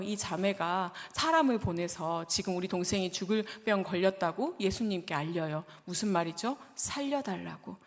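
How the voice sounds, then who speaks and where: A woman pastor from Jeolla preaching a sermon in gentle storytelling style, often asking the congregation questions. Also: mid-range voice. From Jeolla, South Korea. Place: church sanctuary. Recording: long church reverb.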